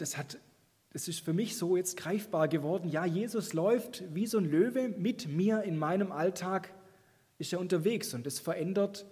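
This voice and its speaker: A man preaching in a fairly high, husky voice with a mellow tone. He speaks earnestly and encouragingly, addressing his listeners directly. His voice carries a long reverb from a church hall. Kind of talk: sermon.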